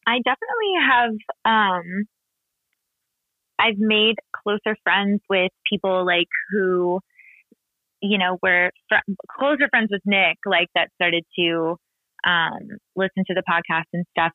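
A man's voice: high voice, unhurried, no room sound. Podcast guy, kinda nervous, says like nonstop, tinny phone line. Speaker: podcast co-host. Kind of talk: casual panel chat.

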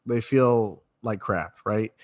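A man co-hosting a faith-based parenting talk. He speaks candidly and haltingly, often repeating words as he starts a thought. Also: lowish voice. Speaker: podcast co-host.

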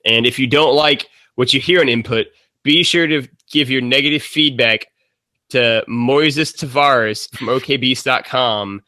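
A man's voice: mid-range voice, a little slow, sharp tone, no room sound. Man, casual podcast guest, rambling, many ums and likes, dry recording. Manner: rambling, laughs often, many fillers.

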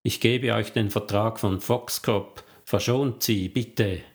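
A terrified captive man, read by a male narrator, pleading in a choked voice. The voice sits low and moves slowly. It comes from an audiobook thriller. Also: steady tone. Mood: desperate. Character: desperate, terrified young man.

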